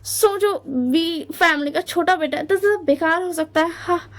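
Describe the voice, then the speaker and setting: A woman's voice: very high-pitched, normal speed, pitched above the performer's own voice. A woman voicing a spiteful, jealous young female student who insults and sneers in a fan story retelling. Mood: sneering.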